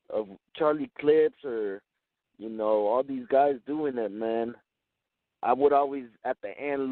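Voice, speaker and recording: This mid-range male voice belongs to a native Spanish speaker in his twenties, born in Chihuahua, Mexico, and now living in West Texas. Interviewed as a rapper, he chats casually and talkatively in slangy English, peppering his speech with "man" and "you know what I'm saying." The audio is dry with no echo, but narrow and tinny.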